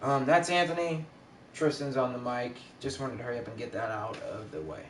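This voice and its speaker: A man's voice: mid-range voice, a little fast. Male livestream host, rambling and filler-heavy, with strong echo from a distant camera mic and faint noise behind him. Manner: rambling, with many fillers and restarts. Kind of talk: casual livestream chat. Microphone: camera mic set up away from him.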